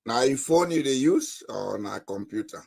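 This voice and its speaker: A man with a Sierra Leonean accent and a gravelly, raspy voice gives his views as a panelist in an informal political discussion. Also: medium pitch, expressive, moderate pace, a little mellow. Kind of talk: informal political talk in Krio mixed with English.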